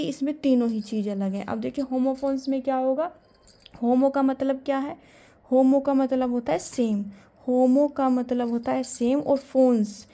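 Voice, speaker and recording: Lady teacher explaining grammar, soft warm voice, keeps asking and answering her own questions. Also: high voice. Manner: asks questions and answers them herself.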